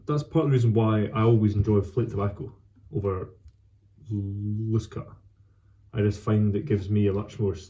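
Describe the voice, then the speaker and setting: A man chatting casually as a solo vlog host, with an unhurried, rambling and halting delivery. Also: lowish voice, mellow. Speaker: host of a pipe tobacco vlog. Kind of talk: casual solo chat to camera.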